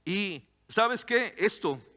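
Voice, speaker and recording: A man preaching a sermon as pastor, fervent and emphatic, at times turning soft and tender. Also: high-pitched, lively intonation, takes it slowly, in a large hall. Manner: fervent, rising to loud emphatic cries; turns soft and tender in story parts.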